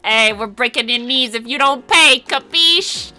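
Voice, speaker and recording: A woman's voice: on the high side, measured pace, bright, forceful tone, faint music behind. Woman doing a swaggering mob knee-breaker. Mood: menacing swagger. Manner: tough-guy mobster swagger. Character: brash male mob enforcer who breaks kneecaps.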